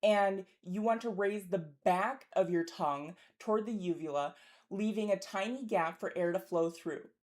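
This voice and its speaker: A woman's voice: mid-range voice, moderate pace, darkish tone. A woman teaching pronunciation as a linguist, explaining carefully and articulately and demonstrating speech sounds, with a throaty r in German example words.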